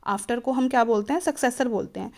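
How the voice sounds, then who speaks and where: A woman teacher with an Indian accent explaining a maths lesson, slow and careful in English and switching to quick Hindi asides. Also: on the high side, a little mellow.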